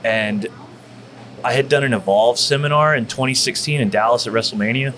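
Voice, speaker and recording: A man's voice: mid-range voice, a little fast, fairly bright tone, low-quality recording. A man from Texas, a former pro wrestler, telling rambling, profanity-laced stories as a guest in a barbecue restaurant. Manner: profane, rambling, full of fillers. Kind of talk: casual storytelling.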